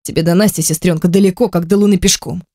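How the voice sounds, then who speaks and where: A reader doing a coldly furious young man from an audiobook, spacing out each cutting word with deliberate weight. The voice sits close and dry, in a middle pitch. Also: fairly even intonation, mellow, dry recording, natural voice. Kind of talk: audiobook character voice.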